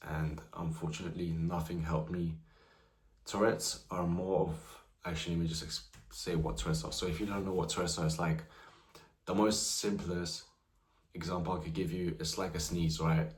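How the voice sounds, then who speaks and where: Here a deep-voiced nineteen-year-old talks to the camera in an echoey room. It's casual vlog chatter about his own life, loose and meandering, peppered with "you know."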